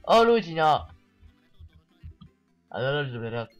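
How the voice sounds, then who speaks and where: A man's voice: on the high side, very animated, normal speed, faint music behind. Sarcastic, swearing gamer man. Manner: sarcastic, swears often, reads game text mockingly. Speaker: let's play gamer. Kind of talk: casual gameplay commentary.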